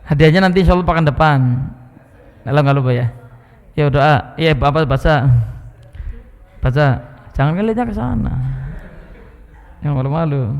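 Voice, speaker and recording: A male Islamic teacher gives a Quran commentary class in a mosque. He talks in a relaxed way and coaxes and teases the congregation. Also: on the high side, moderate pace, gravelly, pauses often, muffled recording. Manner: conversational, coaxing and teasing the congregation. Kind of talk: mosque study-circle lecture. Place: mosque prayer hall. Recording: long hall reverb in a mosque.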